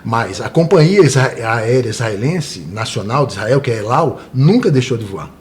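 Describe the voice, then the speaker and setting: A man's voice: medium pitch, expressive, moderate pace, darkish tone, slight background noise. Earnest Brazilian man, tour guide. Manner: earnest, frequent tag questions. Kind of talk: interview guest.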